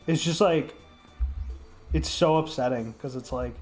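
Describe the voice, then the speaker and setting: A man's voice: medium pitch, a little slow, a little mellow. Young male streamer, sick, rambling profane chat over faint background music. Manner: rambling, heavy filler words, profane. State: sick, congested.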